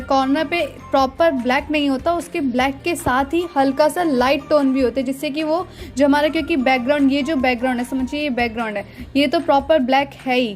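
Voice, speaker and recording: A woman, explaining a pencil shading lesson step by step as an art teacher. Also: high-pitched. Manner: explains step by step with repeated "dekhiye" and "theek hai". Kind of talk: drawing lesson narration.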